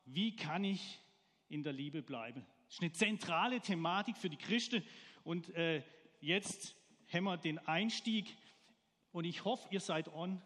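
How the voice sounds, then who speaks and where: A man delivers a sermon, telling a homely story and asking his listeners questions. His voice sits high for a man. A long reverb trails behind him in a church hall. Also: unhurried, a bit bright. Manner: storytelling, asks the congregation questions. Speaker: preacher.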